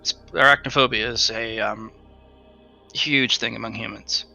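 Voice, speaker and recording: A man's voice: fairly low pitch, fairly even intonation, moderate pace, creaky, bright, forceful tone, faint music behind. A man running a tabletop game as game master, setting rules in a playful, teasing way. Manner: playful, teasing rule-setter.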